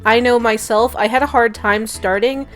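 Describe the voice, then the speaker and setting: A woman's voice: a little high, steady tone, normal speed, a bit bright, faint music behind. A young woman talking casually through a gaming setup tutorial, chatty and often correcting herself. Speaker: gaming YouTuber. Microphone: desktop USB mic.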